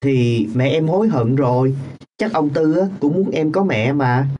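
A woman voicing a low-voiced teenage boy. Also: expressive, measured pace, dark tone, full character voice. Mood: coaxing. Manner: coaxing, brotherly. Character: poor teenage boy lottery seller, coaxing. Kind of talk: radio drama acting.

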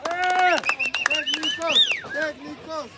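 A man's voice: extremely high pitch, fairly even intonation, very slow, very noisy. A man with a Mexican accent cheering and heckling as a spectator, repeating slangy phrases to egg the wrestlers on. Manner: repetitive, slangy, egging wrestlers on. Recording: outdoor recording amid loud crowd. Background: very loud crowd.

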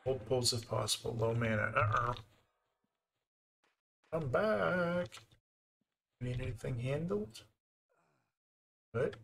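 A man's voice: medium pitch, normal speed, pauses often, fairly bright tone, a little hiss or hum. A man with a Canadian accent giving easygoing live commentary while he plays a game and thinks aloud. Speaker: game streamer.

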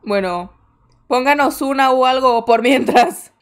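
Young woman streamer, very high voice, scared and chatty horror gameplay commentary. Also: a little slow, faint music behind. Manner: jittery, scared exclamations and chatty asides. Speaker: gaming streamer.

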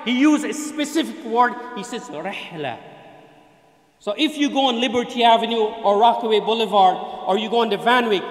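A man's voice: high voice, animated, normal speed. A middle-aged man giving a Friday sermon at a mosque, emphatic and gesturing, chanting Arabic verses between his points. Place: mosque prayer room, indoors. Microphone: desk mic on stand. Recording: echoey hall with long reverb.

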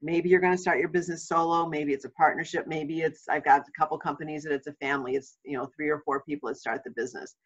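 A woman home watch trainer giving an informational webinar in a chatty, anecdotal way with lively asides. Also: sits low, quick pace, few pauses, husky, lo-fi sound.

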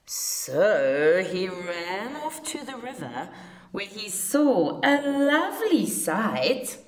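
A woman reading a children's picture book aloud in an expressive, theatrical storytelling manner. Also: medium pitch, reverberant. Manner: slow, theatrical delivery for children.

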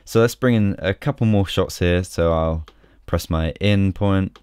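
A man casually walking through a software tutorial, chatty and relaxed, with frequent ums and small restarts. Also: deep voice, a little slow, smooth, dry recording, clean studio sound. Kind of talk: casual screen-recorded tutorial.

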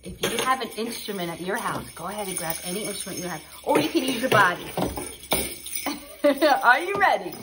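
A woman's voice: medium pitch, animated, fast talker, few pauses, heavy background noise. A woman hosting a children's music show, leading songs and games in a bubbly, sing-song way with lots of laughing.

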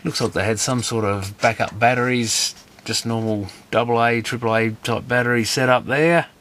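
A man's voice: mid-range voice, fairly even intonation, moderate pace, a bit bright. A man casually talks through a computer teardown at his workbench, thinking aloud as he goes. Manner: thinking aloud, hedging guesses. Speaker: electronics repair host. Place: workshop bench, indoors.

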